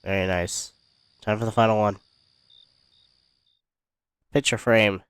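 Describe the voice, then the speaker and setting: A man giving casual let's-play commentary on a music game, relaxed and hesitant with many fillers. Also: on the low side, slow pace. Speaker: gaming YouTuber. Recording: music playing behind the voice.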